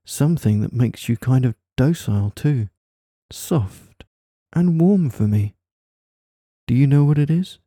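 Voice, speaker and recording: A man speaking softly and intimately right in the listener's ear, delivering a coaxing, teasing hypnosis ASMR monologue full of praise, close to the microphone. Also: fairly high pitch, husky, dry recording. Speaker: hypnosis audio performer. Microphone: close microphone, dry sound.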